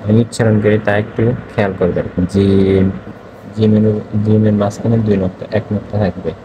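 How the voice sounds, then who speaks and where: A man teaching the Quran, slowly sounding out each Arabic letter, repeating it and asking and answering his own questions. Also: fairly low pitch, level tone, noisy background. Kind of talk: slow classroom lesson on letter pronunciation.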